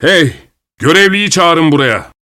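A man voicing an agitated gentleman in spectacles who shouts orders. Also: fairly high pitch, animated, unhurried, no echo, studio quality, pitched above the performer's own voice. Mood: angry.

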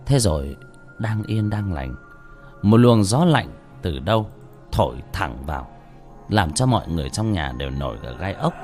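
A male storyteller narrates a ghost story in a dramatic, suspenseful way. His voice is low, with wide, lively swings in pitch. Faint music plays behind him. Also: normal speed.

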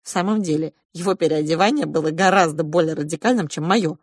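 A woman narrating a children's storybook in a lively, expressive way. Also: sits low, fast, no echo, clean studio sound.

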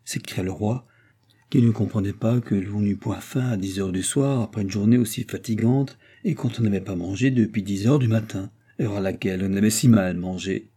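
A male audiobook narrator who reads in a measured, even way. His voice sits low and sounds dark and mellow. It has a husky edge. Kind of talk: scripted narration.

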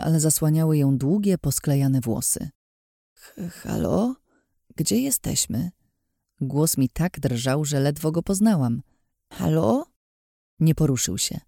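A man's voice: on the high side, warm tone, no echo, clean studio sound. A man reading a fantasy audiobook aloud in the first person, with a tense, dramatic delivery. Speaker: audiobook narrator. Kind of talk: scripted audiobook narration.

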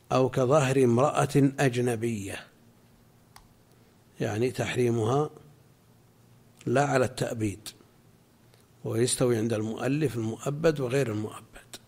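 A man teaching a class as a religious scholar, explaining a legal text in a measured way and answering students' questions. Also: medium pitch, a little mellow.

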